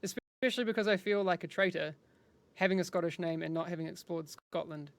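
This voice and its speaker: A man's voice: sits high, a little fast, gravelly, a bit bright, dry recording. A man hosting a live-streamed interview, chatty and rambling, with frequent restarts and checks like "is that correct?". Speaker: livestream host interviewing developers.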